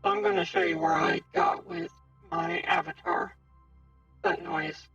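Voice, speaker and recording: A man streaming through a robotic, pitched-up voice changer, rambling casually with fillers. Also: wildly swooping pitch, a little slow, creaky, fairly bright tone, soft background music. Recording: dry, distant, dull lo-fi mic.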